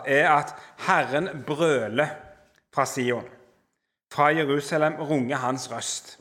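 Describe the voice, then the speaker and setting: A man lecturing on the Old Testament in a measured way, slowing down for emphasis and often pausing with hesitations. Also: on the high side, fairly bright tone. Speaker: Bible teacher.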